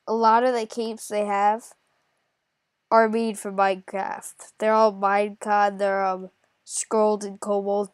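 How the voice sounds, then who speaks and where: A woman's voice: medium pitch, smooth, no echo, clean studio sound. Stuffy-nosed woman rambling through a game tutorial. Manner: thinks aloud, hesitant, many pauses and self-corrections. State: stuffy nose from a cold. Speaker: gaming tutorial creator. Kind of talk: casual screen-recorded game walkthrough.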